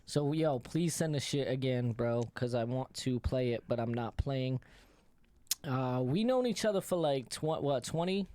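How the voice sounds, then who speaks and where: A man's voice: medium pitch, expressive, a little slow, dark tone, dry recording. A man in his thirties co-hosting a radio podcast, casual chat full of blunt, profane street slang. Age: 30s.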